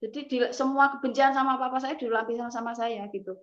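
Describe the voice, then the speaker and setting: A woman giving a personal testimony, speaking in a halting, emotional way. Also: on the high side, fairly even intonation, dull audio. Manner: halting, emotional, frequent "gitu loh". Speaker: testimony giver.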